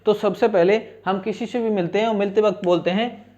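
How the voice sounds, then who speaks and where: A man's voice: sits high, steady tone, fairly quick, a little mellow, lo-fi sound. A male teacher giving a spoken-English lesson, asking questions and answering them himself in repeat-after-me drills.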